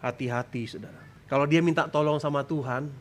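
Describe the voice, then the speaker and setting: A man's voice: steady tone, a little fast. A man preaching a sermon as pastor. He preaches with strong emphasis, keeps calling out to his listeners, and his voice leaps up when he cries out prayers. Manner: emphatic preaching, often tags lines with "saudara"; voice jumps high when crying out prayers. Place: church stage.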